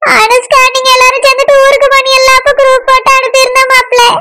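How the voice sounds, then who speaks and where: Woman doing a shrill pleading village mother. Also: level tone, fast talker, sharp tone. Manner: begs and repeats terms of respect. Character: pleading mother of the daughter-in-law, older woman. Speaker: mother begging her in-laws.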